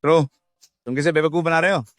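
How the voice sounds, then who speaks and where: A man's voice: fairly high pitch, steady tone, brisk, a bit bright, no echo, clean studio sound, close to an everyday voice. A man acting as a vengeful, vindictive master with a slightly raised voice that drips with contempt. He spits spite in a dubbed drama. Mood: bitter. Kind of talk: Hindi dub of a drama series.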